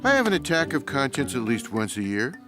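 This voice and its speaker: A man's voice: mid-range voice, sing-song, a little fast, music in the background, natural voice. A man voicing a lazy, sardonic cartoon cat who talks dry and smug. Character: lazy sardonic adult male orange cat. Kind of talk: cartoon voice acting.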